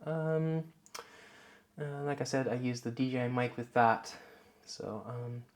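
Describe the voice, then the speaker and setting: Here a Dutch man vlogs casually indoors at his home office, a wireless clip-on mic attached. His voice is mid-range and a little slow. As a YouTuber he stays relaxed, wandering through long explanations peppered with "uh."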